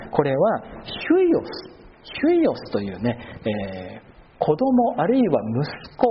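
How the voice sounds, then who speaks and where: Man preaching a sermon, lively rising and falling pitch, patient teacherly explaining, dull lo-fi sound. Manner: patient explaining, drawn-out fillers between phrases. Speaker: pastor. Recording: muffled with steady background noise.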